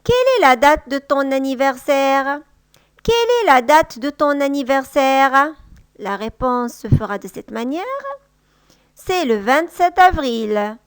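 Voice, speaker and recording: This French teacher, a woman with a high voice and lively intonation, gives a slow, clear language lesson, patiently saying each model phrase twice and a little louder. The recording is dry, close to the mic, with no echo.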